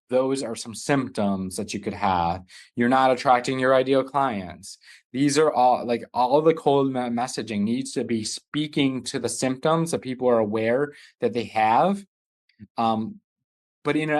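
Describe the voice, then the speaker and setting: A man's voice: mid-range voice, a little slow. A man hosting a live online business masterclass, talking loosely and often rephrasing mid-sentence. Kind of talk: live online teaching session.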